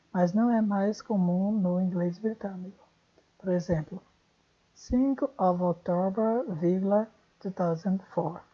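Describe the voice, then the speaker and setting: A woman with a Brazilian Portuguese accent gives an online English lesson at an unhurried pace. Her voice is a little breathy, and she thinks aloud, often stopping to fix what she just said. The recording sounds dull and lo-fi. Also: medium pitch. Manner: thinks aloud, corrects herself mid-sentence. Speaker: English teacher.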